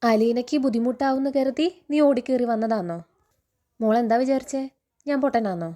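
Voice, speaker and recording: A woman's voice: fairly high pitch, a little fast, warm tone, lightly acted. A woman reading a stern middle-aged father. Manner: stern, threatening.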